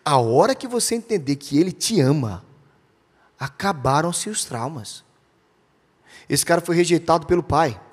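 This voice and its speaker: A man's voice: a little high, lively intonation, moderate pace, long pauses, breathy edge. A Brazilian man preaching an impassioned, emphatic sermon as pastor, speaking directly to his congregation. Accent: Brazilian Portuguese. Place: church sanctuary. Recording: long church hall reverb.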